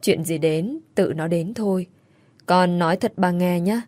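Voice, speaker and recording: A woman reading a gentle sorrowful old father. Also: lowish voice, measured pace, dry recording, natural voice.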